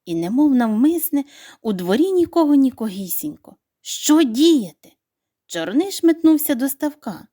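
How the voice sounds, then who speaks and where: A woman narrating a children's bedtime story in an expressive, animated reading voice. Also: sits high, a little slow, no echo, studio quality.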